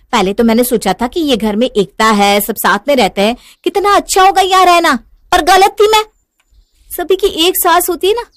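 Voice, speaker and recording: A woman voicing Naina, an indignant young bride who speaks in heated, shrill outbursts. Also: dry recording, clean studio sound, natural voice.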